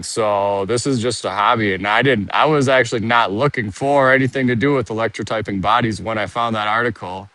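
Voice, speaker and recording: A fairly low-voiced man talks, a little out of breath, as he walks outdoors on a phone live stream. He rambles through his ideas with restarts and stops to answer comments. The sound is dry and close. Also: fairly bright tone, dry recording. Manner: rambling, thinks aloud with restarts. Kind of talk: casual live stream, walking and reading comments. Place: outdoors, walking around a monument.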